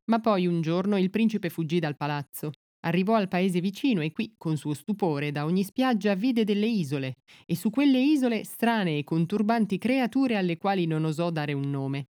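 Woman reading an audiobook, low mellow voice, dry close sound. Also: animated, dry recording. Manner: measured, unhurried storytelling. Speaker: narrator. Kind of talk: audiobook reading of literary fiction.

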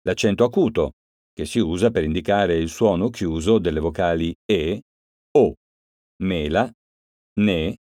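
A man reading a grammar lesson as scripted educational narration, slow and deliberate, pausing on each example word. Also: sits low, mellow, no room sound, clean studio sound.

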